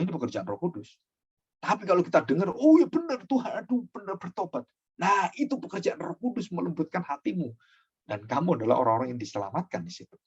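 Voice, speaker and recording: A male pastor preaches with a husky voice that swings widely up and down in pitch. He keeps turning to his listeners and addressing them directly. The recording sounds dull and lo-fi. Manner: animated preaching, often addressing listeners as brothers and sisters. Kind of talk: sermon.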